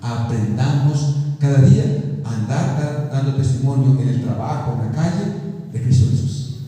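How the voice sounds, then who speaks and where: A male pastor, preaching a sermon and telling a personal story in an animated way, acting out the dialogue. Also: medium pitch, moderate pace. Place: church hall. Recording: echoey hall, distant mic.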